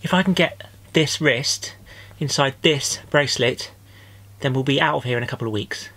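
A man's voice: moderate pace, sharp tone, breathy edge. A male comedian from the UK talking through a comic lockdown video diary, rambling and restarting his sentences. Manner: rambling, self-interrupting, breaks into high-pitched mock crying.

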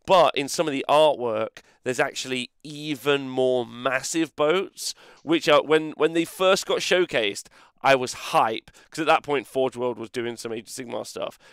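A man hosting a casual gaming podcast, rambling and animated, with mock-outraged banter. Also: mid-range voice, measured pace, smooth, no echo, studio quality. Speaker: host.

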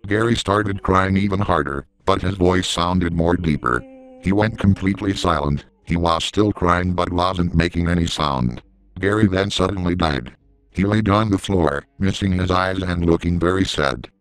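A man giving scripted horror story narration in a steady, measured way, recorded on a close mic. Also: sits low, smooth, poor audio.

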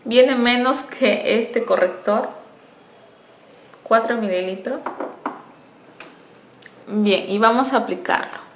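A woman's voice: a little high, slow, long pauses. A young woman, chatting in a friendly way as she reviews a beauty product and corrects herself as she goes. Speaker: beauty vlogger. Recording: echoey room.

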